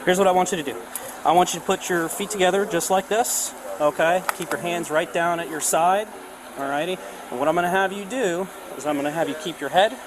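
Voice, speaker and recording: Noisy body-worn camera audio with outdoor vehicle hum captures a higher-pitched male police officer at a roadside traffic stop. Brisk and procedural, he asks questions and gives instructions, checking understanding with "okay?" and "all right?"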